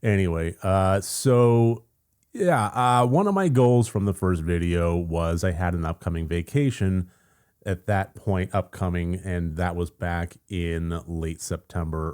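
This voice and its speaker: Just woken up, an American man hosts his channel with a casual vlog update, his deep voice gravelly and deeper than usual from the morning. He's chatty and rambling, using fillers and soft laughs.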